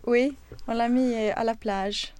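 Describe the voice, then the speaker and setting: Slow, hesitant woman speaking French. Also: fairly high pitch, steady tone, a little mellow. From Sweden. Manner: hesitant, searching for words, many fillers. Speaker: interviewee. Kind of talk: casual conversation.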